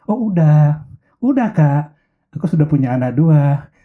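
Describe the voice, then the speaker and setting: A man's voice: a little high, big pitch swings, measured pace. Male preacher voicing a hesitant, complaining housewife in a sermon sketch; tinny lo-fi sound. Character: married woman tempted by her ex.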